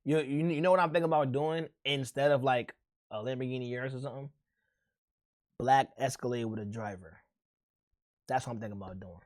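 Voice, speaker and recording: A man streaming and chatting casually with his viewers, speaking in a slangy drawl that often trails off quietly. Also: mid-range voice, brisk, pauses often. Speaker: streamer reacting to a video. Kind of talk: casual chat.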